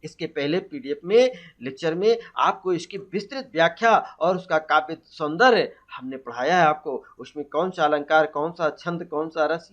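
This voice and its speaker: A man's voice: on the high side, fairly bright tone. A man teaching a Hindi poetry lesson for exam prep, quizzing students and answering his own questions. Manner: asks questions and answers them himself; recites verse slowly. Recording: dull lo-fi audio.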